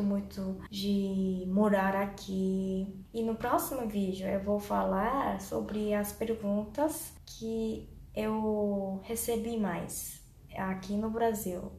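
A young woman with a Korean accent chats to camera like a casual storyteller. She speaks slowly, in simple, careful second-language phrasing. The room gives her voice a clear echo, with faint noise behind it. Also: medium pitch, darkish tone. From South Korea. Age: young adult. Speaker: vlogger. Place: small bare indoor room.

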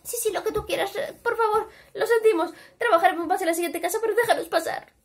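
A woman voicing two frightened little piglet brothers from a children's story, shrill and pleading. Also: fast.

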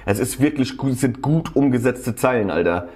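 A man's voice: mid-range voice, animated, moderate pace, darkish tone, soft background music. A man casually commenting on a rap battle as a tutorial host, slangy and enthusiastic, often laughing.

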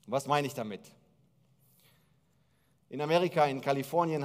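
Pastor, man, 40s: lively sermon delivery on stage, reverberant hall. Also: mid-range voice. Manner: lively, gesturing storyteller.

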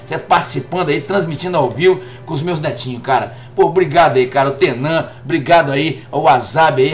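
High-voiced, chatty Brazilian man in his 50s. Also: slight background noise. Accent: Brazilian Portuguese. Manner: chatty and jokey, keeps repeating "rapaz". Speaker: game streamer. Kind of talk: live gameplay stream chat.

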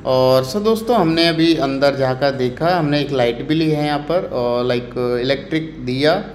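A man's voice: medium pitch, a little slow, a little hiss or hum. Chatty male vlogger on a night street. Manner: chatty, many fillers, mixes Hindi with English words. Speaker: travel vlogger. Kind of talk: casual walking vlog narration. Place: busy city street market at night, outdoors. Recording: echoey street with faint ambience.

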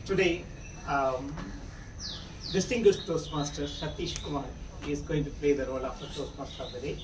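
A middle-aged man, halting with fillers as he opens a club meeting in an open-air pavilion, recorded by a far camera. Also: fairly high pitch, steady tone. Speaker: presiding officer of a speaking club meeting. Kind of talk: opening remarks at a club meeting. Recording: roomy, distant, with loud background noise.

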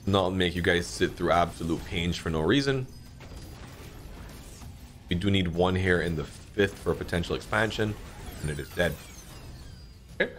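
A man in his thirties talks through an online slot session at home in a relaxed, swearing, excitable way. His voice sits very low but spikes up sharply when a spin looks promising. Faint music plays quietly behind him. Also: normal speed, long pauses. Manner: excitable, swears a lot, frequent pitch jumps. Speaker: slot streamer. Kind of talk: casual gameplay commentary. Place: dim home streaming room, indoors.

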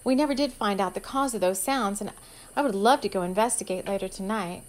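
A woman voicing a confident young woman who is a professional dancer, in a soft, easygoing way. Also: medium pitch, brisk, close to an everyday voice.

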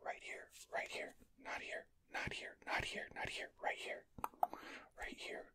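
A young man in a whispered role-play, fast aggressive ASMR, as an angry, exasperated guy repetitively demanding attention. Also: bright, forceful tone. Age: young adult.

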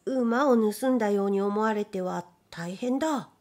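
A woman voicing a cheerful, clever young man in a read-aloud folk tale, with an eager, bright manner. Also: medium pitch, unhurried, natural voice.

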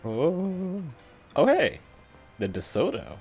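A man's voice: fairly high pitch, huge pitch swings, slow pace, darkish tone, soft background music. A man giving casual, amused, rambling commentary as he streams a game.

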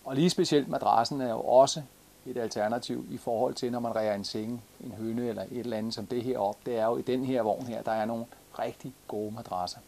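A man's voice: medium pitch, gravelly. A man in his forties with a Jutlandic Danish accent, casually showing a caravan from inside, with many fillers and restarts. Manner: relaxed, many fillers and repeats. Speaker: caravan reviewer. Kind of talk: casual product walkthrough.

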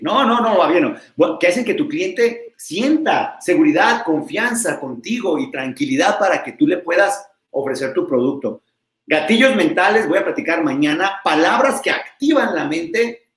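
A man with a Mexican accent giving a lively live sales coaching talk, quick and energetic, acting out short exchanges with customers. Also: high voice. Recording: roomy echo.

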